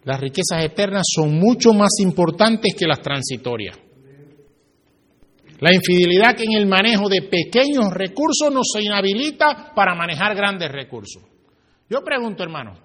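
High bright-voiced male pastor preaching. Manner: preaching with emphatic swings in pitch and volume. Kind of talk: sermon. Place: church. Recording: reverberant hall.

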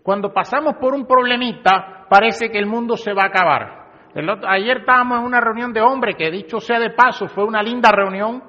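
A man's voice: sits high, a little fast, sharp tone. A male pastor preaching a sermon in a church hall, talking to his congregation directly and conversationally. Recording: dull lo-fi recording with long hall reverb.

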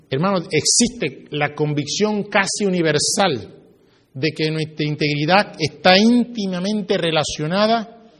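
A man preaching a sermon as pastor to his church, swinging his pitch and volume for emphasis. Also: fairly bright tone. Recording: reverberant hall.

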